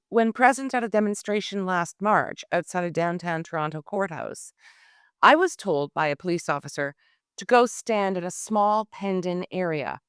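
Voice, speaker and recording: Female podcast host, low lively narration, dry studio sound. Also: smooth, no echo. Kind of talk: scripted narration.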